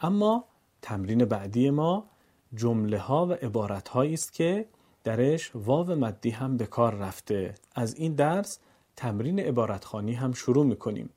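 A man teaching how to read Quranic words, explaining calmly and slowly stretching sounds in recited examples. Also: medium pitch. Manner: calm explaining, then stretching vowels slowly and louder for examples. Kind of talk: instructional lesson with slow drawn-out recitation examples.

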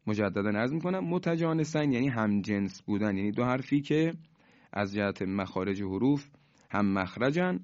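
Man teaching Quran recitation, low voice. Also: no room sound, lo-fi sound. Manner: explains slowly, then chants each example drawn out and louder. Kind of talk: recorded tajwid lesson.

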